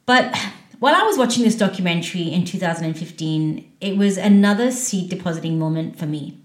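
A woman's voice: lowish voice, expressive, fairly quick. A young adult woman hosting a podcast, born in northern England and raised in India, talking earnestly and from the heart. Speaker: podcast host. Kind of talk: solo podcast introduction. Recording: roomy echo.

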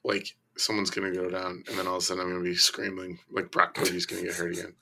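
A man with a croaky, hoarse voice and creaky starts, chatting casually and bluntly as a fantasy sports podcast guest. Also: deep voice, completely flat delivery, quick pace, noisy background. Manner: blunt, profane. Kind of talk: casual fantasy football chat.

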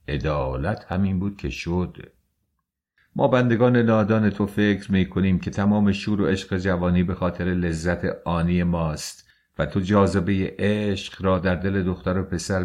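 Deep-voiced man reading a mournful audiobook. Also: darkish tone. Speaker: audiobook narrator. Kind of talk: scripted first-person audiobook narration.

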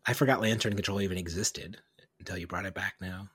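Low husky-voiced man chatting on a podcast. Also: no echo. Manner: animated, quick asides and self-corrections. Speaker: podcast co-host. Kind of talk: casual chat.

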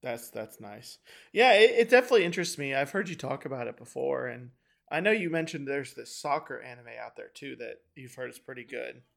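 A man's voice: medium pitch, lively intonation, a little fast, vocal fry, a bit bright. A young man co-hosting a casual podcast, asking questions and reacting briefly. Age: young adult. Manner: asks questions, short reactions. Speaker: podcast co-host.

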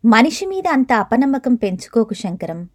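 A woman reading the lines of a gentle, wise old grandfather who calmly gives advice, in storybook narration. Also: on the high side, moderate pace. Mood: gently advising. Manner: calm, advising.

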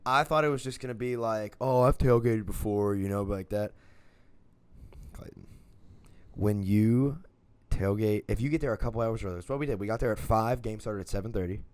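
Casual podcast co-host, male, lower pitch, profane, animated storyteller. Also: moderate pace, clean tone. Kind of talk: casual chat.

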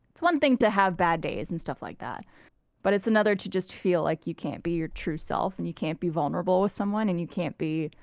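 A woman's voice: medium pitch, dry recording, clean studio sound. A woman in a casual podcast chat, talking earnestly and frankly, with the odd swear word for emphasis.

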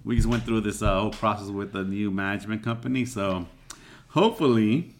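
Male podcast host, lowish voice, easygoing and reflective, chatty with fillers. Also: brisk, a little hiss or hum. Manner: reflective, loose, with many "you know" fillers. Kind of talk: casual podcast chat.

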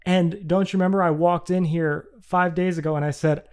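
A man's voice: high-pitched, fairly even intonation, brisk, darkish tone, clear, resonant tone. Blunt, rambling podcast co-host man. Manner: blunt, rambling, profane explanations. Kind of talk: casual chat.

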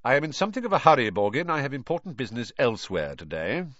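Storybook villain: man voicing a disdainful aristocrat, clipped and cold, lively pitch. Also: a little slow, no room sound, muffled recording. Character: cold haughty aristocratic wizard father.

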